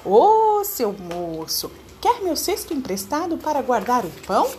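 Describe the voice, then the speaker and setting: A woman voicing a wailing male monkey in a storybook read-aloud, crying in a high whiny voice. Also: big pitch swings, measured pace, a little mellow. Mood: friendly, eager. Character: wailing childlike male monkey, tail lost.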